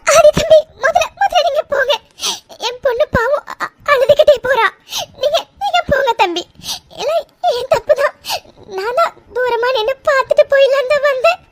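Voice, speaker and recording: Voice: very high-pitched, normal speed. A performer voicing a grieving middle-aged mother in a cartoon, sobbing and stammering as she begs her daughter. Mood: grieving, begging. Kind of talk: cartoon voice acting.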